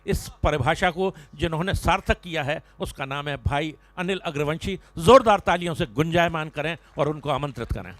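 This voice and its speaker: Man, emcee, formal declamatory, recites verse, slightly high, dry close sound. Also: moderate pace, few pauses, a bit bright, no echo. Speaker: emcee of a poetry gathering.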